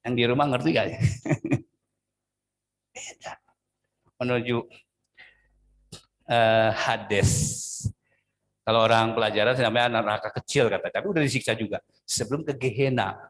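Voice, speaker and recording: A man pastor preaching a sermon with an Indonesian accent, swinging between loud emphatic lines and drawn-out, quieter phrases. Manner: animated preaching with sudden pitch swings and drawn-out words.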